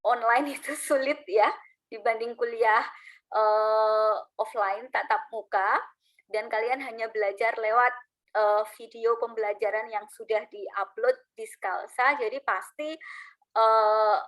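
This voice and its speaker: A woman giving feedback to students in an online class, pausing often with drawn-out "eee" fillers in a gentle teacherly way. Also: fairly high pitch, steady tone, low-quality recording. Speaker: university English lecturer. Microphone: video call.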